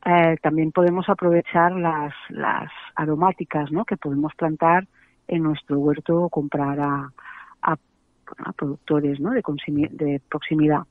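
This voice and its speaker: A woman's voice: low-pitched, fairly even intonation, measured pace, dry recording. Woman on a tinny phone line. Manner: chatty, explanatory, frequent tag questions. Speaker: macrobiotic cooking guest. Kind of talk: radio interview by phone.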